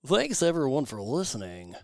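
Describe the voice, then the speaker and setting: A man's voice: mid-range voice, huge pitch swings, moderate pace, creaky, a little mellow, dry recording, clean studio sound. A man hosting a casual podcast, laughing often and talking loosely with restarts. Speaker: podcast host.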